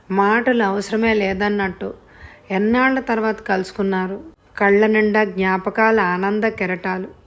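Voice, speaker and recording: A woman narrating a novel as a dramatic story, voicing the characters' cries herself. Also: mid-range voice.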